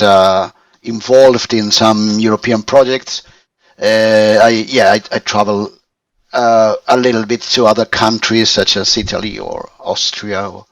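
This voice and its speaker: A Spanish man in his fifties, a learner of English, speaking in halting phrases with many restarts as he searches for words. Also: on the low side, fairly bright tone, no echo, distant mic, rough recording. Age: 50s. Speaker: language student. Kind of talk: conversational English lesson.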